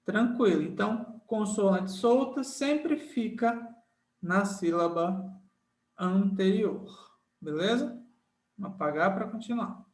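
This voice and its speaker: Taking things slowly in a roomy-sounding space, a high-pitched man leads a screen-shared online grammar lesson. He keeps it friendly and informal with many diminutives, goes over each key rule again, and frequently checks understanding with tags like "tá?" and "certo?".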